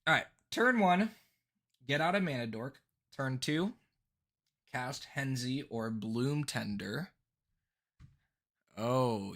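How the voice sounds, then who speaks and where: A man casually talking through viewer-submitted card decks on a live stream, rambling and excitable, with plenty of fillers and restarts. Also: medium pitch. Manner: rambling and excitable, full of fillers and self-corrections.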